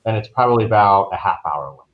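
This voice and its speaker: Being interviewed as a podcast guest, a travel professional explains things casually and conversationally in a lowish voice. He talks fast and animatedly, and the recording sounds a bit dull and lo-fi.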